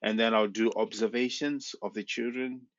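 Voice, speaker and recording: Being interviewed as a podcast guest, this young PhD researcher describes his work with a fairly low, steady voice at a moderate pace, though he hesitates and keeps restarting. No room sound is present, and the audio is dull and dry.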